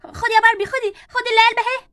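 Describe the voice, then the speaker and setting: A woman's voice: extremely high pitch, fairly even intonation, very fast, a bit bright, pitched above the performer's own voice. A woman voicing a polite, sweet sister doll in an Egyptian accent. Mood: helpful. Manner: sweet, apologetic.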